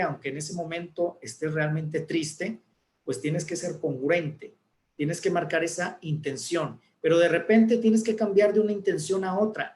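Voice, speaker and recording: A man, an announcer, explaining speaking techniques in a relaxed talk and demonstrating intonations. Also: high voice, reverberant. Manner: didactic, demonstrates intonations with examples. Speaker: guest speaker, announcer and communicator.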